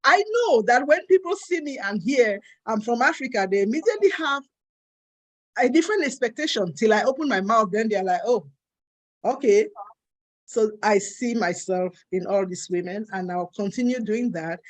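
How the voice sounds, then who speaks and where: A woman's voice: fairly high pitch, lively intonation, moderate pace. A woman from Cameroon, speaking earnestly and emphatically as a co-host in a panel discussion.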